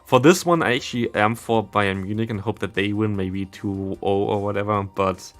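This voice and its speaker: Background game music accompanies a male livestreamer and content creator from Germany. Speaking at normal speed in a voice on the low side, he uses a German accent as he casually commentates a game and chats in a rambling, self-deprecating manner.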